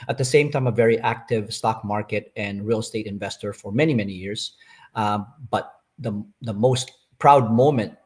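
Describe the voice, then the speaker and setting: A man from Canada in his fifties, a guest on a live online interview, soft-spoken and hesitant, full of ums and uhs. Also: lowish voice, normal speed. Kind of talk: casual interview chat.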